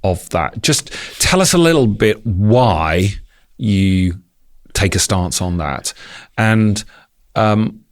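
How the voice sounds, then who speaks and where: Deep-voiced male interviewer, halting. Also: expressive, dry recording, clean studio sound. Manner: halting, searching for words. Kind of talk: podcast interview questions.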